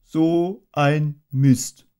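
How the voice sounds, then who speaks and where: A man voicing a simple, good-natured, honey-loving male bear in a storybook reading, with a slow, hummy, deliberate way of talking. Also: on the high side, steady tone, mellow, clear, resonant tone, voice pushed up. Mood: cheerful, slow. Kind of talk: audiobook character voice.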